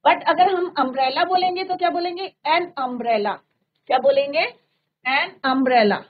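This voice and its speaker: A woman's voice: sits high, normal speed. A woman teaching a classroom grammar lesson, mixing Hindi and English and often asking the class to confirm they follow. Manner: asks frequent checking questions. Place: classroom studio. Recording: phone-like narrow band.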